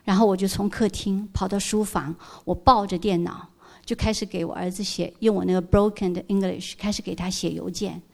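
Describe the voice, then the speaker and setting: A woman's voice: mid-range voice, fairly even intonation, fairly quick, creaky, warm tone. A middle-aged woman giving an emotional church testimony, telling her story earnestly and dropping in English words.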